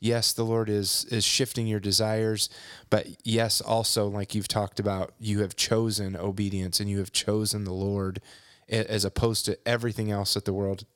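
A man with a low voice co-hosting a faith podcast, earnest and encouraging, often circling back and restarting his sentences. The sound is dry and close, with no room around it. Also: flat delivery, normal speed, dry recording. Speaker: podcast co-host. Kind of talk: casual faith podcast chat.

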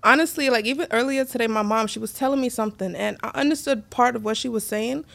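A woman in her twenties co-hosting a podcast, chatting casually with quick asides and frequent laughter. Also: a little high, creaky, fairly bright tone. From United States. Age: 20s. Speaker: podcast co-host. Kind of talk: casual chat.

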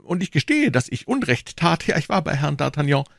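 A quavering, frightened shopkeeper in a storybook audiobook, played by a man who pushes his voice far above his own. The pitch jumps about as the figure begs and protests, and the dry, close recording keeps every tremor plain. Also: sing-song, fairly quick, vocal fry, no echo, exaggerated voice. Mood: anxious, pleading. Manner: trembling, pleading, high-pitched. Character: timid frightened middle-aged male shopkeeper under interrogation. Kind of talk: audiobook reading.

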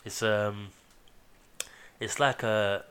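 Low-voiced London roadman podcast host. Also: fairly even intonation, extremely slow, a bit bright, smooth. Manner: swears casually. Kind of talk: casual chat with street slang.

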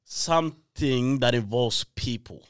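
A man's voice: mid-range voice, slow, clear, resonant tone, no room sound, clean studio sound. A man chatting casually on a podcast, slangy and repeating himself for emphasis. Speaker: podcast speaker. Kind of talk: casual chat.

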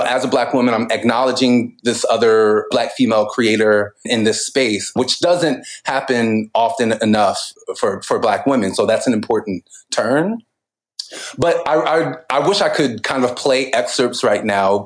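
This co-host is a man from the United States with a mid-range voice and normal speed, chatting thoughtfully about culture on a podcast. He laughs and restarts often, and the recording is rough.

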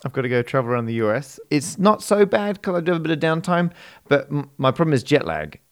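A man's voice: fairly high pitch, sing-song, quick pace, smooth. A man with an Australian accent talking casually as a podcast co-host. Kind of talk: casual chat.

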